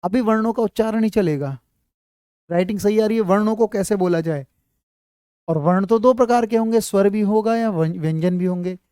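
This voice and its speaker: A man explains Hindi letters and their sounds at a board in a live online class, repeating himself and constantly checking that students follow, addressing them fondly as child. His dark, mellow voice sits high and runs fairly quick and smooth, captured close in a dry recording with no room around it.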